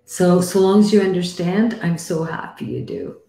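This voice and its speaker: A woman's voice: lowish voice, fairly even intonation, normal speed, mellow. A woman in her fifties, a medium hosting a live stream, talking bluntly with swearing and calling her guest sweetie. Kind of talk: casual live-stream chat. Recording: roomy echo.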